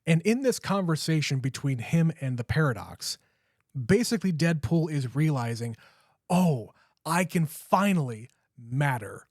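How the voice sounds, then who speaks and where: A man in his late thirties co-hosts a podcast, chatting casually with enthusiasm, swearing freely and restarting his sentences with a stammer. His voice is a little high, very animated and unhurried, captured as a dry recording with clean studio sound.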